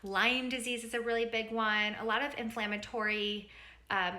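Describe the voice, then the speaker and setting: A woman's voice: a little high, flat delivery, moderate pace, pushed and bright. A young woman, a dietitian, chatting casually and upbeat in a vlog about her day and the food she loves. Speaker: registered dietitian vlogger.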